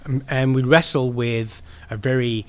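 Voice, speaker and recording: A man's voice: mid-range voice, fairly even intonation, unhurried, smooth. A man, a podcast guest chatting casually and explaining his baking with many fillers. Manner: rambling, explanatory, lots of fillers. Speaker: podcast guest, sourdough baker.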